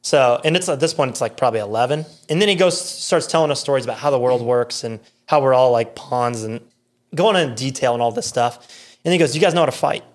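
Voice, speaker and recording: Fast-talking man telling a wild story. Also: medium pitch. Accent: American. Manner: animated, quick storytelling with many fillers and acted-out quotes. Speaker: podcast guest telling a story. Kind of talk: casual storytelling chat.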